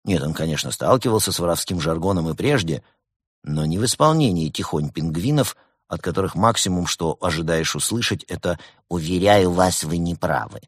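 Man reading a comic story with husky voice. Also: deep voice, a little fast, no echo, clean studio sound. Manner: expressive, lively storytelling. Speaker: narrator. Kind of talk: audiobook narration of a comic story.

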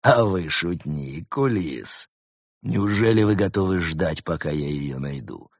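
A man voicing a sly, scheming male snow leopard who leads a cult, talking in a smug, mocking, quietly menacing way. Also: deep voice, animated, unhurried, no room sound, clean studio sound, heavily acted.

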